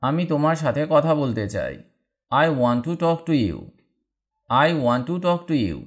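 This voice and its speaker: Male English tutor; slow, lively-pitched drill reading with careful repeats. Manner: reads each phrase, then repeats the English version slowly and deliberately. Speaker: spoken English teacher. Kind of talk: slow read-aloud drill lesson.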